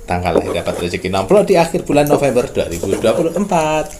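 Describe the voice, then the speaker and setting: A man's voice: medium pitch, very animated, fast talker, loud music behind the voice. A male host, chatty and affirming, prompting the guest and addressing viewers. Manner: affirming, chatty, East Javanese slang "Rek". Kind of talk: talk show hosting.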